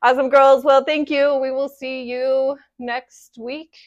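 A woman's voice: high voice, flat delivery, unhurried, lo-fi sound. A young woman hosting her own podcast in casual chat, bubbly, blunt and teasing. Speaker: podcast host. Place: live-streamed podcast recording.

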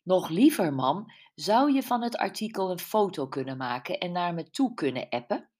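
A woman's voice: fairly low pitch, very animated, normal speed, darkish tone. A woman voicing a friendly, matter-of-fact woman in her forties in an audiobook. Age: 40s. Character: friendly woman near fifty, a curious sleuth.

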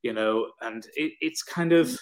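A man speaking openly and with feeling as a podcast guest. His pitch sits in the middle for a man. His speech is loose and conversational, full of fillers and false starts, with the odd swear word. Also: measured pace. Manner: open, emotional, casually swearing, many fillers and restarts. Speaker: podcast guest, personal trainer and counsellor. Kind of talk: candid conversational storytelling.

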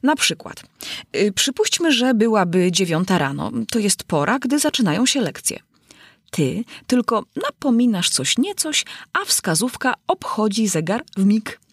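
A woman's voice: medium pitch, sing-song, a little slow, breathy edge, no room sound, clean studio sound, pitched above the performer's own voice, heavily acted. A woman voicing a whimsical, rambling male hatter at a tea party in a storybook reading. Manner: rambling, sing-song.

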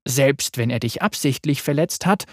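A husky-voiced narrator playing a calm older aunt who gently admonishes. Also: medium pitch, normal speed, no echo, studio quality, lightly acted. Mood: gentle. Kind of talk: read-aloud storytelling.

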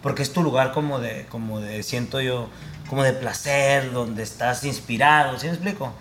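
A man's voice: medium pitch, normal speed, a bit bright, slight background noise. A young man with a Mexican Spanish accent, a producer and director guesting on a podcast, talking in a rambling, slangy way and laughing often. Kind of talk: casual podcast chat.

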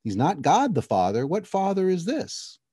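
A male preacher delivering a sermon who speaks straight to his listeners and slows right down to stress verses. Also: high-pitched, wildly swooping pitch, mellow, breathy edge, dry recording, studio quality. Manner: emphatic, addresses the listeners directly; slows down to stress scripture phrases.

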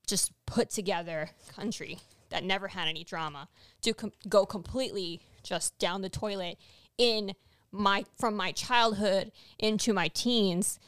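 A woman co-hosting a casual political podcast, talking in an animated, rambling way with many restarts. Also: mid-range voice, clear, resonant tone, dry recording, clean studio sound. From Latin America. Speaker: podcast co-host.

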